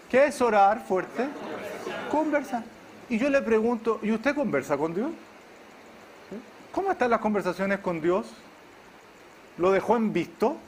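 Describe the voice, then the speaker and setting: A man, preaching a sermon to his congregation at a church service. He keeps checking in with the listeners with a quick question. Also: sits high, a little hiss or hum. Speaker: pastor.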